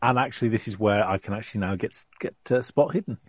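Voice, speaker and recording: A man chatting casually as a player in a tabletop game, halting and often repeating his words. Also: fairly low pitch. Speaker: tabletop role-playing player. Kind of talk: casual chat.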